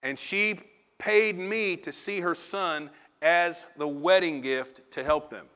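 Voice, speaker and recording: Guy preaching, kinda high bright voice, chatty and personal, takes his time. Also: slow pace, clear, resonant tone. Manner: conversational, confessional preaching with asides and laughs. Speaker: pastor. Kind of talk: sermon.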